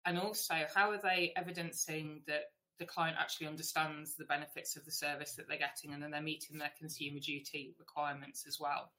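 A woman's voice: low-pitched, level tone, a little fast, few pauses, pushed and bright. A woman hosting a live online webinar, welcoming viewers in a chatty, friendly way with frequent ums. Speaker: webinar host.

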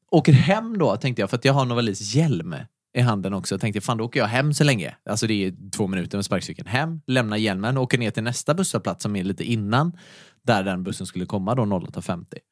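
A young adult man hosting a podcast, telling a story in casual chat, animated and swearing, acting out the people he quotes. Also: medium pitch, no echo, studio quality. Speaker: podcast host.

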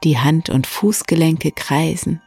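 Soft, hushed, very slow bedtime meditation voice. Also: medium pitch, creaky, slightly rough. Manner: gentle, slow, hushed delivery with long pauses. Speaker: meditation guide and bedtime story reader. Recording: soft new-age music bed. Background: calm new-age music.

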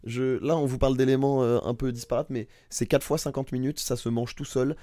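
A man co-hosting a podcast in casual chat, rambling with restarts and getting animated about comedy. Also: medium pitch, brisk, no room sound, studio quality. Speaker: podcast co-host.

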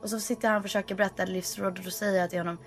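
Young woman, animated storyteller, casual chat, code-switching, faint music bed. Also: mid-range voice. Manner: animated storytelling mixing Swedish and English.

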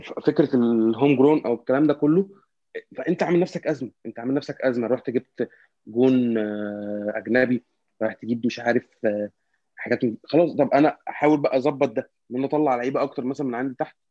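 A man with an Egyptian Arabic accent in casual football discussion, halting and repetitive as he searches for words. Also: mid-range voice, dry recording, lo-fi sound. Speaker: football fan commentator.

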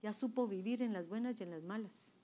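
In a mid-range voice at a fairly quick clip, a woman preaches to a church group of women. She is emphatic, fires questions at her listeners, and moves back and forth between loudness and softness.

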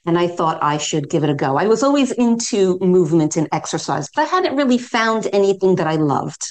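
Middle-aged American woman, yoga teacher guest, slightly low voice, measured storyteller. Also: big pitch swings. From New York City. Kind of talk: podcast interview guest.

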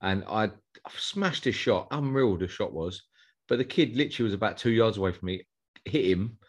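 Low-voiced Essex man, matey football chat. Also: expressive, moderate pace, husky. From Essex, England. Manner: colloquial, matey, slangy. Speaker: podcast co-host.

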